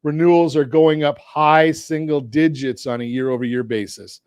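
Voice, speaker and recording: Hosting a finance talk radio show that includes a sponsor read, this Southern Californian man is energetic and jokey, steering his guests with leading questions. His voice is a little high and a little mellow, with fairly even intonation and a moderate pace. A studio mic captures him at studio quality, with no room sound.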